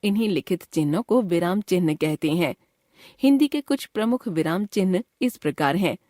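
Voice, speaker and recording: A woman teacher reading a scripted grammar lesson in a clear, measured way. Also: lowish voice, expressive, warm tone, no echo, clean studio sound. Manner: clear, measured classroom explanation.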